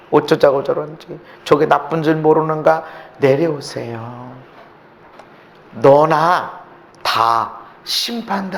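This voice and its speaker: A male pastor preaching a sermon in a church. He acts out the voices he quotes and climbs to shouting at his peaks. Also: mid-range voice, gravelly, a little hiss or hum. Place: church sanctuary.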